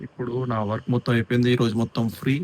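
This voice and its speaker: A young man talks fast in a casual vlog, bossing and teasing a friend through retakes. His pitch sits in the middle, neither high nor low. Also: flat delivery, a little mellow. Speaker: vlogger.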